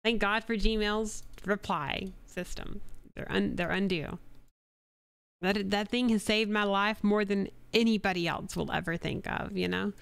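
A woman at a close, dry mic talks loosely and quickly with her viewers on a stream. She sounds middle-pitched and unfussy, and she swears freely when a take goes wrong. Between the chat she works as a radio commercial voice-over producer. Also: vocal fry, clean tone, no echo. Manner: chatty, swears when she slips, bright upbeat ad reads. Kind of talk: casual livestream chat with read commercial takes.

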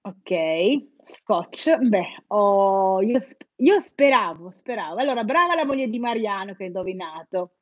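A woman's voice: medium pitch, lively intonation, unhurried, dry recording. A woman teaching English as a playful, teasing host of a live quiz, chatting with her viewers. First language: Italian. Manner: playful, teasing, jokes with students. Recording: dull, lo-fi live-stream audio.

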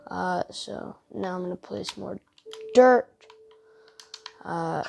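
A woman's voice: fairly low pitch, slow, vocal fry, a little mellow, a little hiss or hum. A tired woman hosting a casual let's-play, rambling and thinking aloud as she plays, often poking fun at herself. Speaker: gaming channel host.

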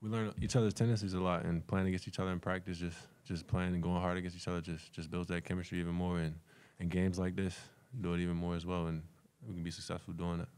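A young man, a college basketball player, answering reporters at a postgame press conference in a relaxed, filler-heavy way, into a table mic. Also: low voice, fast, hardly any pauses, clean tone. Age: young adult.

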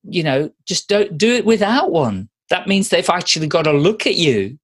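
A man co-hosting a podcast, chatting in a relaxed, agreeable manner. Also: on the high side, moderate pace, husky. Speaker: podcast co-host. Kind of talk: casual podcast chat.

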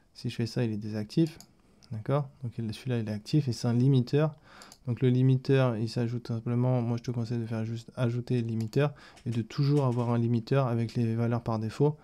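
Dark-voiced man explaining a software tutorial. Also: mid-range voice, fairly even intonation, fast. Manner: explains step by step, addresses the listener as "tu". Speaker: streaming tutorial host. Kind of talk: screen-recorded software tutorial.

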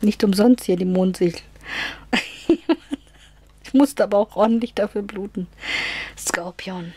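A woman's voice: medium pitch, fairly even intonation, fast talker, dark tone, husky, no echo. A woman giving a casual spiritual reading to her viewers. She often drops into a whisper, repeats words and slips in English phrases. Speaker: astrology and card reader.

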